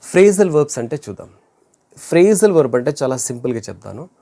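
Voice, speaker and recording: An English teacher giving an online grammar lesson, repeating each word slowly to model pronunciation and correcting wrong forms. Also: medium pitch, big pitch swings, dark tone.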